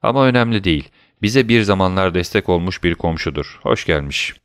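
A man reading aloud as a frail, poor old father, soft and reassuring to his son. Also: deep voice, lively intonation, brisk, smooth, no room sound, clean studio sound. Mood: gentle.

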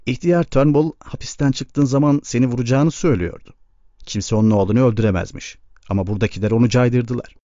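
A man's voice: medium pitch, fast talker, mellow, no echo, dull audio, lightly acted. A man reading a bitter, grieving farmer who broods and bursts into anger. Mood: anxious.

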